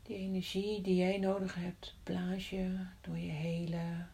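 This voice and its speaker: A woman guiding a body-scan meditation in a soft, often whispered voice, slow and calm with long pauses. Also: fairly low pitch, gravelly. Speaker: meditation guide.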